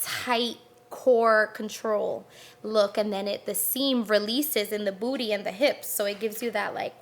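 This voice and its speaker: A young woman from New Jersey, a guest on a podcast, telling stories about her clothing business in a chatty, animated way with quoted asides. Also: medium pitch, a little slow. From New Jersey, USA. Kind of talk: casual interview chat.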